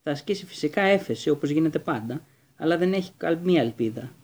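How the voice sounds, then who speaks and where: Brief: man doing a fierce young witch girl in a storybook, a touch higher than his own voice, mellow tone. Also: expressive. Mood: upset. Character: tearful clever schoolgirl witch, fierce and indignant.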